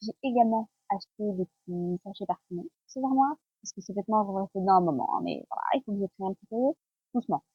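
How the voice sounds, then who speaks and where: A woman's voice: medium pitch, quick pace, husky, dry recording, lo-fi sound. A woman with a French accent in a casual home vlog, chatting as she unboxes gifts. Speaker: vlogger.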